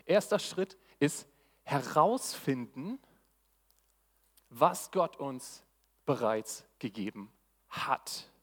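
A man's voice: medium pitch, sing-song, drawn-out words, long pauses. A man preaching a live sermon to a church audience, eager and exclamatory in his delivery. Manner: enthusiastic, exclamatory. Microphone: handheld mic. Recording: long hall reverb.

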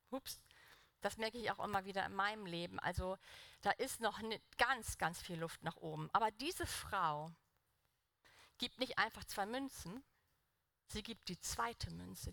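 A woman's voice: mid-range voice, creaky, fairly bright tone, no echo, clean studio sound. A young woman preaching a sermon in an earnest, conversational way, putting direct questions to the congregation.

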